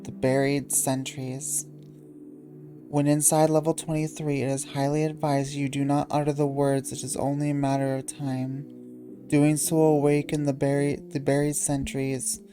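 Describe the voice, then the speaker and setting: A sleepy, yawning woman hosting a channel, reading wiki entries aloud in a halting way and stumbling over words. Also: deep voice, little pitch movement, warm tone, soft background music.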